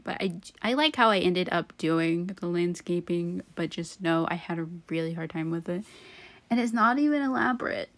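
A woman's voice: fairly low pitch, normal speed. A woman hosting a game-building channel, recording a casual, rambling voiceover late at night, giggling and poking fun at herself and sounding tired. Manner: rambling, giggly and self-deprecating. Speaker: Sims build channel host. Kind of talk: casual voiceover over gameplay.

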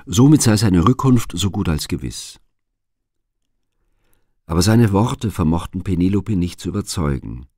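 A man with a very low voice reads a classic legend aloud in steady, even storytelling. The recording is close and dry, with no room sound. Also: a little slow, pauses often, no room sound. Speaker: audiobook reader. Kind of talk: scripted narration.

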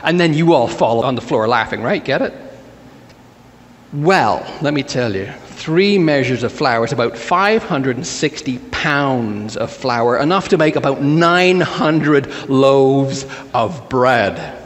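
A man's voice: medium pitch, lively intonation, slow pace, in a large hall. A man preaching a humorous sermon, telling jokes in a playful storytelling manner. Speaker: pastor. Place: church sanctuary.

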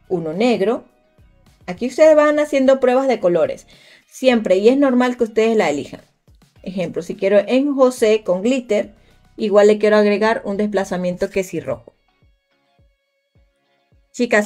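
A woman's voice: mid-range voice, darkish tone. A woman teaching a live design class, chatting directly with her viewers and thinking aloud as she works. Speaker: crafts instructor. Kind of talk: live-streamed software tutorial.

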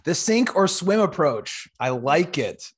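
A man hosts an interview from his home office with a headset mic. His voice sits a bit high, and he asks questions in a friendly, loose way, restarting phrases and dropping "you know". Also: very animated, measured pace. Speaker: podcast host. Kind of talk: casual interview.

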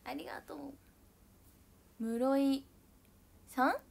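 A young woman with a high, bright voice and a chats casually with viewers on her livestream. She is bubbly and giggly, and she talks loudly. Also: slow, gravelly. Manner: giggly, bubbly, frequent laughter; self-describedly loud voice. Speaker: idol livestreamer. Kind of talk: casual chat reading viewer comments.

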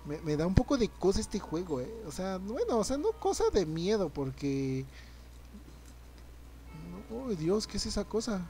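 A young man, streaming a game live, reacting loudly, swearing and greeting his chat. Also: high-pitched, big pitch swings, normal speed, soft background music. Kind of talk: live gameplay commentary.

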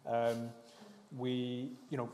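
Brief: male prosecutor, mellow voice, steady explanatory tone, reverberant room. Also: medium pitch, slight background noise. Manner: measured, explanatory. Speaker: prosecutor panellist. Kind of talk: panel discussion. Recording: roomy hall reverb.

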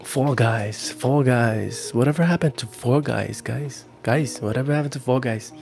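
With music in the background, a man in his forties speaks a little slowly in a medium-pitched voice with vocal fry, hosting a playful ASMR stream. He often whispers and repeats words and phrases between casual chat, right up against a handheld recorder on a stand with a foam windscreen, in a small room at home with a gaming screen.

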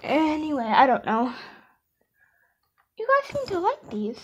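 Her voice is high with huge swings in pitch, and the audio sounds dull. She's a young amateur comic dub creator who rambles casually and hesitantly, stopping and starting and frequently fixing what she just said.

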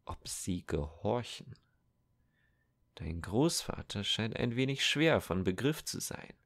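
A man's voice: lowish voice, big pitch swings, takes it slowly, fairly bright tone, dry recording, heavily acted. A man reading a cold soldier on horseback in an audiobook, condescending and lecturing.

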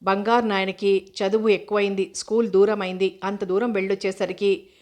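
Favoritist mother in a family story, voiced by a woman narrator; mid pitch, little melody. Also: flat delivery, normal speed, darkish tone, close to an everyday voice. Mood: doting. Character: partial mother, doting on one son, harsh to the other.

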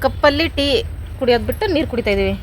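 A woman's voice: high-pitched, slight background noise. A woman speaking rural Kanakapura Kannada, chatting at home in a casual couple vlog and teasing her partner with playful scolding. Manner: rapid, animated, playful scolding. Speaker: vlogger.

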